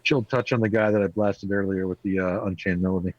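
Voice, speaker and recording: A man's voice: low-pitched, steady tone, fast, no echo, muffled recording. A man playing a tabletop game, hesitantly working out his moves and counting squares aloud. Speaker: player.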